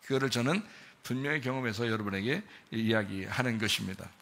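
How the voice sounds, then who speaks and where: Man, pastor, sermon, bright tone, gravelly edge, questioning the congregation. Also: lowish voice, a little fast. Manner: asks the congregation many questions.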